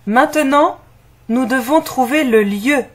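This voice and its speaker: A woman's voice: sits high, slow, slightly rough, exaggerated voice. A woman playing a confident, curious young student solving puzzles in a scripted audio story for language learners.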